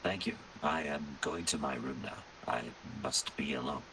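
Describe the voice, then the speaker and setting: A man putting on a gravelly cyborg priest. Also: normal speed, noisy background. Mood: stiff. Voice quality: deep gravelly monotone. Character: stiff cyborg tech priest, flat and solemn.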